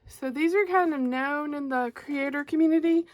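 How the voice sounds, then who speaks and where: This unboxing host, a craft creator from Arkansas, talks in a high-pitched Southern-accented voice at a moderate pace, casual and slightly hesitant. Her phone, mounted overhead on a clamp, gives dull audio with no room sound.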